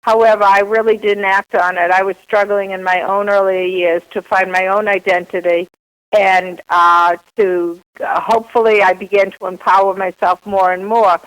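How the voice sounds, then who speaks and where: A woman's voice: mid-range voice, little pitch movement, normal speed, smooth. An older woman with a Boston accent telling her life story as an author being interviewed, in a reflective, wordy way over a phone line.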